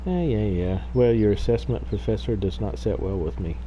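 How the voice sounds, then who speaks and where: A man's voice: on the low side, moderate pace, dark tone, a little hiss or hum. A man in his fifties chatting casually while co-playing a farming game, laid-back and musing. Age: 50s. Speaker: co-player.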